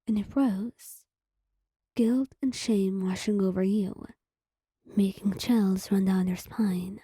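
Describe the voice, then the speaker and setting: A woman reading her own fan fiction aloud as a whispered role-play, in a soft, half-whispered storytelling voice. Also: mid-range voice, steady tone, takes it slowly, breathy edge, no echo, clean studio sound.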